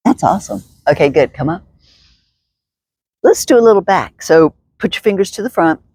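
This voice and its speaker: This woman's voice is fairly low, expressive, darkish and slightly rough, at normal speed and with no echo. She leads stretching outdoors in the sun, chatting cheerfully, thinking aloud through each move and laughing often.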